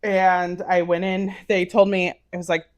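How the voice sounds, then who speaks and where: A woman in her thirties telling a personal story in a casual, animated way, laughing often. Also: on the low side, measured pace. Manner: animated, laughing, acts out quoted voices. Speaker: podcast guest.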